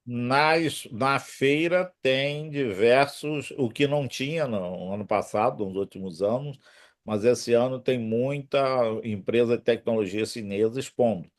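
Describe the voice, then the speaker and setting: A Brazilian professor with a Brazilian Portuguese accent hosts a casual group call while leading a retail trade delegation. Speaking at a measured pace in a medium-pitched voice, he talks through a trade fair visit, often restarting his sentences.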